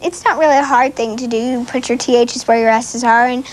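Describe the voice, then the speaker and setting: A woman's voice: a little high, steady tone, fairly quick. A woman speaking in a casual behind-the-scenes interview, playful in tone. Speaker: actress interviewed.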